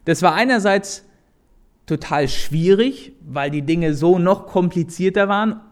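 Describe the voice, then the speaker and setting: A man telling a Bible story to his listeners, animated and speaking to them directly. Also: high voice, measured pace. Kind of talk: lively Bible storytelling to an audience.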